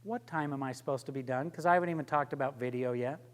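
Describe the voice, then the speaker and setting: Guy running a workshop, lively and jokey, keeps quizzing the crowd, voice rings out in a big reverby room. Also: medium pitch, fast. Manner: energetic, joking, quizzing the audience. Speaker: workshop presenter. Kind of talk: interactive workshop teaching. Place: lecture room with audience. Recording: long hall reverb.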